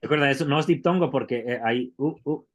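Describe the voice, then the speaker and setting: A man's voice: medium pitch, fairly quick. A man who teaches Greek in an online class and explains things patiently, step by step, often restarting his words.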